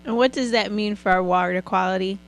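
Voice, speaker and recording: A woman's voice: mid-range voice, a little fast, slight background noise. A teenage girl acting as a field reporter in a student news parody, talking in a chatty reporter tone.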